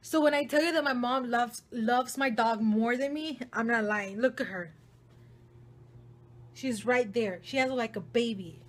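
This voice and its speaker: A woman's voice: fairly high pitch, a little slow. A young woman vlogging casually and playfully, switching between English and Spanish. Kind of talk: casual vlog chat. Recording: noisy phone vlog audio.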